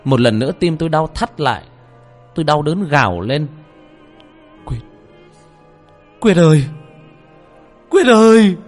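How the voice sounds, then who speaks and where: A man narrating a horror story as host, calling out loudly in the tense scenes. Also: medium pitch, slightly rough. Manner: shouts out names during tense scenes. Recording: soft music behind the voice.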